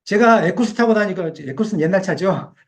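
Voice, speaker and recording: A man's voice: sits high, animated, a little fast. A male pastor preaching a Sunday sermon in a church, emphatic and full of rhetorical questions to the congregation. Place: church sanctuary.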